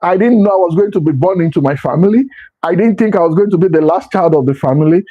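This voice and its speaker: A man's voice: high voice, fast talker. A middle-aged man giving an earnest, preachy motivational talk, often repeating and restarting his phrases. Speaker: motivational speaker. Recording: dull lo-fi recording.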